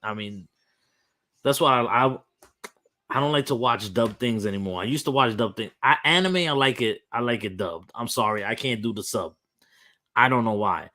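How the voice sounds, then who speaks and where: A young man hosting a podcast, talking in an animated, emphatic rant full of restarts. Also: mid-range voice, normal speed. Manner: frequent restarts and fillers. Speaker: podcast host. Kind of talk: casual opinionated chat.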